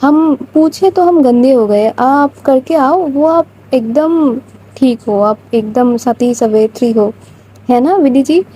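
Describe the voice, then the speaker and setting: A woman's voice: high-pitched, slow pace, mellow, a little hiss or hum, poor audio. A woman voicing a cheeky young woman who playfully nags her friend for gossip in a spoken story. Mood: teasing. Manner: nagging, playful prodding.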